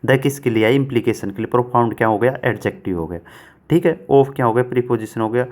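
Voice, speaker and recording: A man teaching an exam-prep grammar lesson at a middle pitch. He asks each question and answers it himself, repeating the answer. He reads the English example sentences slowly, word by word. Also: a little mellow.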